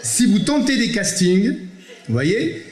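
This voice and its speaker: Theatrical Provençal comedian in a roomy theatre. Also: male voice, high-pitched, big pitch swings, slow. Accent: Provençal French. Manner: theatrical, chatty, switching to solemn declaiming. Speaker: comedian performing a one-man show. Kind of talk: stand-up monologue with poetic recitation. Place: theatre stage. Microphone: amateur camera in the audience. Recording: roomy theatre sound from an amateur camera.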